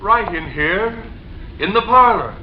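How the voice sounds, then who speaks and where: In an old-time radio suspense play, a male actor with a high voice and lively intonation plays a nervous, pleading widower who is eerily obsessed. His manner is halting and insinuating, the mood eerie, and the vintage recording sounds muffled and noisy.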